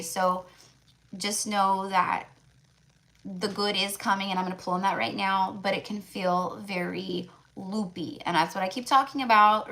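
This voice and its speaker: Woman, mid-pitched voice, tarot livestream host, casual spiritual talk, rambling, repetitive emphasis, frequent tag questions. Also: gravelly, pushed and bright, low-quality recording.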